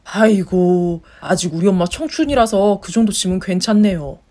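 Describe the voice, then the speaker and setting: A woman's voice: medium pitch, normal speed, warm tone, natural voice. A woman voicing a whiny, jobless young husband in a story-radio drama, grumbling and sulking. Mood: teasing. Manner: grumbling, sulky complaints.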